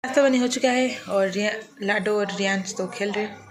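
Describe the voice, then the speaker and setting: Rajasthani-accented mom vlogger, casual and chatty, roomy noisy home sound. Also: female voice, mid-range voice, brisk. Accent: Rajasthani Hindi. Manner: chatty, talks to viewers as "guys". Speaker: vlogger mother. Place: home indoors.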